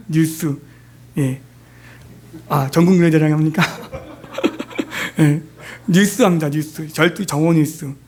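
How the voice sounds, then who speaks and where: A pastor preaching a sermon in a conversational way, asking the congregation many questions. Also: male voice, a little high, a little mellow. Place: church.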